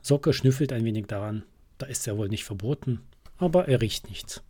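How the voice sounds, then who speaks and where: Husky, dark-voiced male storyteller. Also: fairly low pitch, moderate pace. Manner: calm, storytelling. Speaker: narrator. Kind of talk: children's audiobook reading.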